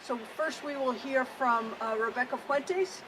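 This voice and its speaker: A woman's voice: high voice, measured pace, background noise. A woman hosting a rally, thanking the crowd and introducing speakers with many fillers. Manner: appreciative, filler-heavy. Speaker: event host. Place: outdoors at a public rally.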